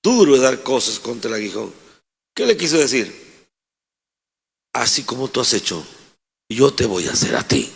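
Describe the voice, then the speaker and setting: A man, a pastor, preaching a sermon and reading scripture with sudden dramatic loud bursts. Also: medium pitch, big pitch swings, moderate pace, gravelly, long pauses, husky, in a large hall.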